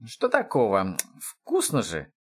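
A greedy old grandfather with a brash, cheeky way of talking that keeps swooping up and down in pitch, as a man puts him on for an audiobook. The voice sits higher than the reader's own and chews through the words. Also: very animated, moderate pace. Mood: chewing, careless. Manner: brash, chewing while talking.

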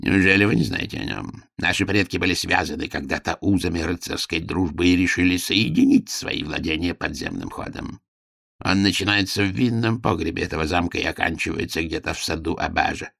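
A man's voice: brisk, gravelly, a bit bright, no echo, clean studio sound, full character voice. A man voicing a cruel, scheming court minister who threatens and gives orders. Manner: menacing, squeaking when enraged.

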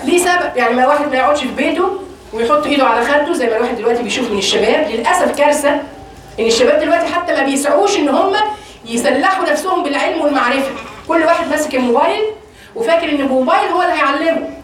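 A woman's voice: high voice, rapid-fire. A woman with an Egyptian accent giving a religious lesson to women, asking questions and answering them herself. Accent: Egyptian Arabic. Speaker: religious teacher. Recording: echoey room, voice far from the mic.

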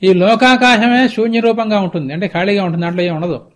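A grave goddess speaks with calm, unhurried authority, as a man puts her on. The voice drops lower and softer than the storyteller's usual telling but stays fairly high for a man. She gently chides and explains like a patient teacher. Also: natural voice. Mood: grave, explaining. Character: calm, grave goddess consoling a grieving queen.

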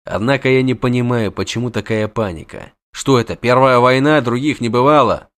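A man voicing a calm, laconic male monster hunter who speaks flatly and without hurry. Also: lightly acted. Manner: flat, low, unhurried and dry.

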